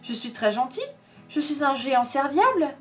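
A gentle, lonely old giant in a storybook, pleading for company, as a woman reads him aloud. The voice is high and softly spoken, with faint music playing behind. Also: big pitch swings, normal speed.

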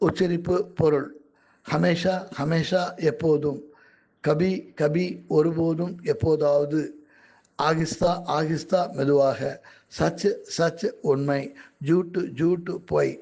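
A man reading his own magazine articles aloud in a measured, careful way. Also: fairly high pitch, steady tone, mellow.

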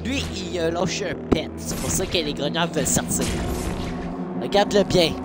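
A man's voice: fairly high pitch, moderate pace. A man, chatting playfully while streaming a game and laughing often. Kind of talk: casual gameplay commentary. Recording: live stream with loud game music.

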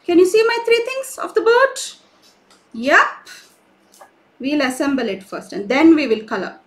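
A woman with a high-pitched voice that swoops wildly speaks a little slowly. She's running a live online craft session for kids, cheerful and coaxing, frequently asking the children questions to check in.

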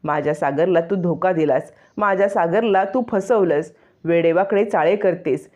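A woman's voice: fairly low pitch, moderate pace, darkish tone, close to an everyday voice. A woman voicing an angry older mother-in-law who accuses and scolds her daughter-in-law. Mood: angry, accusing.

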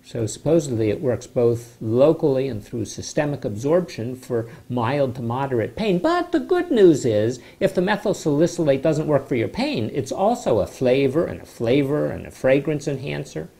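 Gravelly older man explaining medicine. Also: medium pitch, big pitch swings, mellow. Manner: measured, explanatory, slightly skeptical. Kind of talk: informal health explainer to camera. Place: home study with bookshelves, indoors.

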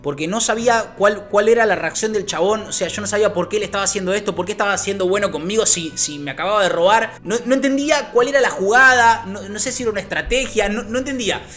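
A young man with a Rioplatense Argentine accent telling a comic anecdote, acting out voices and swinging from loud to hushed. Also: sits high, fast, hardly any pauses, faint music behind. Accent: Rioplatense Spanish. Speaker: storyteller.

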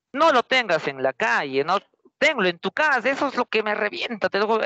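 High, bright-voiced Peruvian teacher. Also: male voice, no room sound. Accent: Peruvian Spanish. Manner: lively, chatty, keeps quizzing students with rhetorical questions. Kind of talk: anecdotal storytelling to a class.

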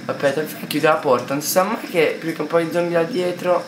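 A man's voice: a little high, fairly even intonation, brisk. An Italian man playing a game, nervous and apologetic as he talks through it. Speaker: player. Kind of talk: casual gameplay commentary. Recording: echoey room with faint noise.

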